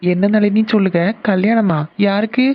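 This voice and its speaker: A woman's voice: mid-range voice, fairly even intonation, moderate pace, no room sound, muffled recording, close to an everyday voice. A woman voicing a caring middle-aged aunt in a cartoon family serial, explaining and coaxing.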